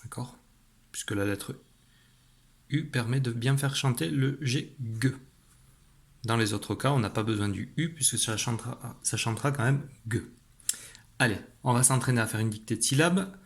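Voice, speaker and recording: A man teaching a young pupil a spelling rule in an online lesson, patient and clear, slowing down as he demonstrates. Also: mid-range voice. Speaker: primary school teacher.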